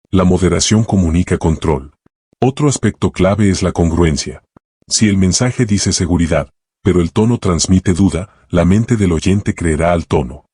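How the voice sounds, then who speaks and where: A man giving calm, measured scripted narration of an audiobook. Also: deep voice, breathy edge, dry recording, studio quality. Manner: calm, measured, even delivery.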